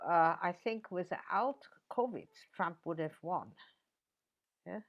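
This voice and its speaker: An older woman professor answering interview questions in a measured way, with frequent fillers and restarts. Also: lowish voice, muffled recording.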